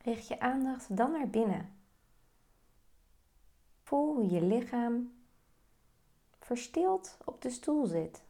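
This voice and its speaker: A woman guiding a meditation, giving slow, calm, soft-spoken instructions. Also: on the high side. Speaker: meditation guide. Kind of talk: guided meditation.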